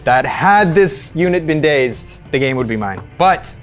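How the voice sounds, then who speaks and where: Expressive man reacting at the game table. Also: fairly high pitch, measured pace, soft background music. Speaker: player. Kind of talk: casual game chat.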